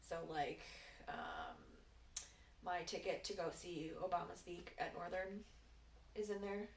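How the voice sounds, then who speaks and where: Woman, lowish pitch, casual personal chat, halting and filler-heavy, echoey room, faint background noise. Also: huge pitch swings. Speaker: co-host of a casual Q&A video. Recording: roomy echo, distant mic, faint noise.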